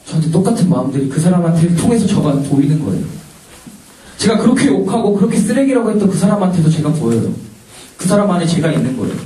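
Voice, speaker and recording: A young man tells his testimony to a congregation in a lively storytelling voice that climbs high and swoops back down. He acts out each quoted line as he goes. His mellow voice rings around an echoey church and is caught from well back. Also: distant mic. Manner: animated storytelling, acting out quoted lines. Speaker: trainee missionary. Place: church sanctuary.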